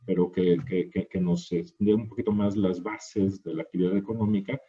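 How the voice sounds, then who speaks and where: A man hosts an online industry panel over a video call, pausing often with fillers. His voice sits low and very dark with a husky edge. The call audio is dull and lo-fi. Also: fairly even intonation. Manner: hesitant, many fillers. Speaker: webinar moderator. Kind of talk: hosting an online industry webinar.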